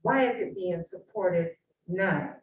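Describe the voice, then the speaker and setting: A woman, a teacher, giving an earnest, measured public comment to a county legislature. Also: on the low side, expressive. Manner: earnest, measured, pleading questions. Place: county legislature meeting room. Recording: echoey room from a distant mic, faint noise.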